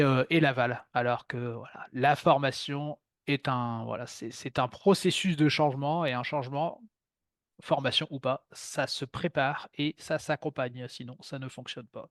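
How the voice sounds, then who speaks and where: Dry-sounding male podcast co-host, medium pitch. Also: no echo. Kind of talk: conversational explanatory hosting.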